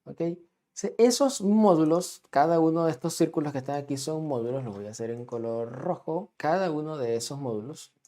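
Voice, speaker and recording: A man teaching music with a dark, mellow voice. He explains things patiently and keeps checking that his students follow along. He sketches on a diagram as he talks. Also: fairly high pitch, lively intonation, normal speed. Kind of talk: explanatory lesson, drawing on a diagram.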